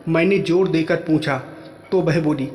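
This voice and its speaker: A man telling a first-person story in plain, steady narration. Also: a little high, unhurried. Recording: echoey room with long reverb.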